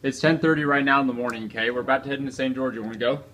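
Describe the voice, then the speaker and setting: A man's voice: medium pitch, steady tone, very fast, fairly bright tone, highs cut off. A young man talking casually and coaxing someone along, recorded on a handheld phone in a bedroom. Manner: coaxing, repetitive urging. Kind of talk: casual chat. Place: small bedroom.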